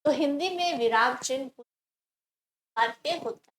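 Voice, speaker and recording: High-voiced woman teaching a grammar lesson. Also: unhurried, rough recording. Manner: explains step by step, asks and answers her own questions. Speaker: Hindi teacher.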